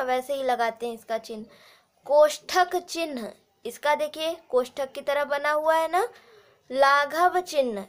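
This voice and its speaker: A woman with an Indian accent teaching grammar, explaining slowly and repeating points while addressing viewers as friends. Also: high-pitched. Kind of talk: explanatory lesson.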